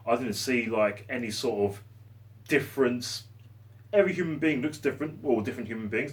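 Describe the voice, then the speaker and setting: A man's voice: medium pitch, distant mic. Passionate man ranting. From London. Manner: passionate, rambling, sarcastic. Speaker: vlogger. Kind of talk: opinion rant to camera. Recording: voice set back from the mic.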